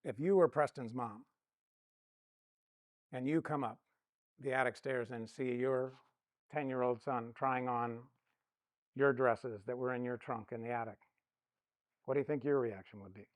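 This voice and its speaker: A man's voice: medium pitch, steady tone, measured pace, long pauses, dry recording. A middle-aged man giving a counseling lesson, telling personal stories and acting out the quoted dialogue. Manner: storytelling, acts out quoted dialogue. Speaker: counseling instructor. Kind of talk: teaching talk with personal stories.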